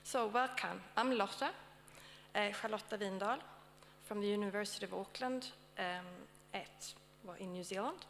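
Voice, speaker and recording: A Swedish woman with a Swedish accent moderates and opens a conference session, frequently checking in with the audience between fillers. Her mid-range voice moves at normal speed with a fairly bright tone. The conference hall adds long reverb and a faint hum, and she is both moderator and academic speaker.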